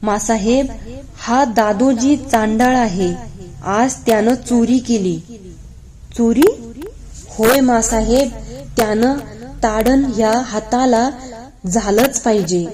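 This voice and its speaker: A woman's voice: fairly high pitch, takes it slowly, pauses often, a crowd in the background. A woman reading aloud, voicing an aged devoted male steward who pleads tearfully and blames himself. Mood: anguished. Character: aged devoted male steward, grief-stricken and self-punishing.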